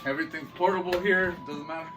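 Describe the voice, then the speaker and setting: A podcast co-host talks fast and off the cuff about films and games, his fairly high voice staying fairly even as he trades slangy, profane, jokey banter. He sounds far from the mic, with music playing behind him.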